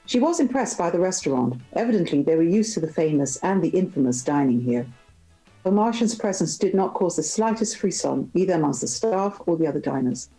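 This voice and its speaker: A woman author reading a passage of her novel aloud in measured narration. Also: on the low side, lively intonation, mellow, faint music behind, poor audio.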